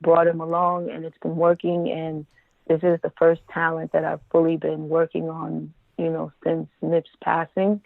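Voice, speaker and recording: A woman guest in a relaxed interview, talking in a calm, fairly monotone way. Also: sits low, normal speed, creaky, dry recording. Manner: calm, even, self-described monotone. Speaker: guest, music marketer. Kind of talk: casual interview chat. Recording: tinny phone-like line.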